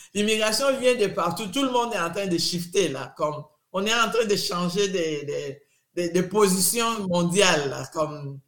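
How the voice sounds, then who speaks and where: A middle-aged woman with a Congolese French accent, speaking with deliberate emphasis and frequent restarts. Her voice carries a noticeable room echo, as if recorded in an open space. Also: fairly low pitch. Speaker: interviewee, immigrant community advocate. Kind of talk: earnest interview answer. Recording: roomy echo.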